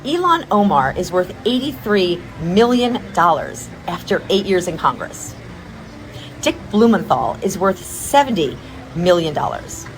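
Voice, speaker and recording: A woman's voice: on the low side, big pitch swings, unhurried, soft background music, low-quality recording. A woman giving a pointed, sarcastic political speech.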